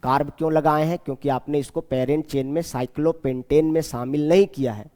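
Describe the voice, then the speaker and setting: A man gives a chemistry lecture in a slightly high, mellow voice. He repeats each name slowly and keeps asking his students questions. The sound rings with a long reverb, as in a large bare room. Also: fairly even intonation. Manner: repeats key names slowly and asks the class questions. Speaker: chemistry teacher. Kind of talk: classroom lecture.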